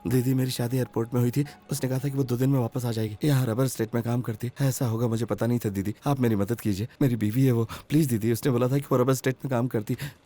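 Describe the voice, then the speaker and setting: A man's voice: mid-range voice, fairly even intonation, fast, few pauses, mellow, natural voice. A man dubbing a film role as a meek, desperate husband searching for his wife, pleading with stammering repetitions.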